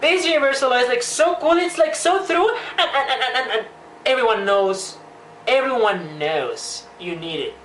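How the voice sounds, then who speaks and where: A young woman with a fairly high voice rattles through a comedic vlog with exaggerated, joking energy. She is recorded in an echoey room with a faint hiss underneath. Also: animated, moderate pace, a bit bright. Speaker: vlogger.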